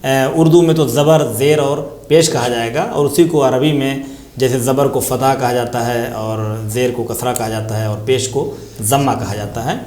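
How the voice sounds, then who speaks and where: A man's voice: mid-range voice, fairly even intonation, a little mellow, echoey room. A man with an Indian Urdu accent teaching tajweed, patiently repeating key terms and asking and answering his own questions. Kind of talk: religious lesson explanation.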